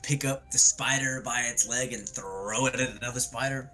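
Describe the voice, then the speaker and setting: A man's voice: mid-range voice, normal speed, bright, forceful tone. A man playing a tabletop role-playing game, chatting casually about his moves. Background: faint music.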